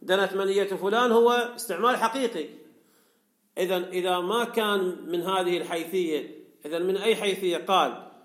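A man's voice: high voice, brisk, fairly bright tone. A man teaching a lecture class on rhetoric. He asks questions and answers them himself, and reads out a commentary and explains it. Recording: echoey room.

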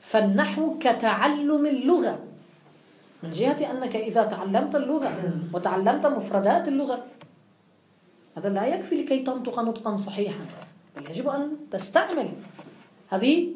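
A woman's voice: a little high, lively intonation, normal speed, long pauses, a little mellow, reverberant, a little hiss or hum. A woman giving a classroom lecture, explaining step by step and putting questions to her students before answering them. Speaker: teacher.

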